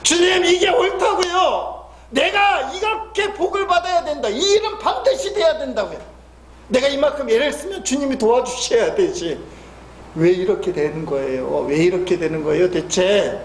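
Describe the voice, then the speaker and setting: A man voicing a self-sure male believer who insistently demands God's help, in a high, half-shouting voice. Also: expressive, normal speed, a little hiss or hum. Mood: insistent pleading. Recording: echoey church hall.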